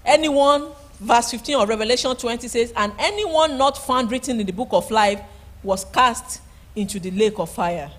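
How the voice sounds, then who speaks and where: A woman's voice: a little high, normal speed. A middle-aged woman pastor preaching a sermon from a church pulpit, emphatic, repeating key words and calling out praise. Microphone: handheld microphone.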